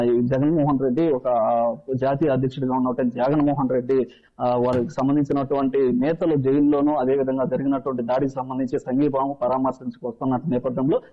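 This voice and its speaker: A man giving a live field news report in a halting, repetitive way with false starts. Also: medium pitch. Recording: dull, lo-fi live broadcast feed.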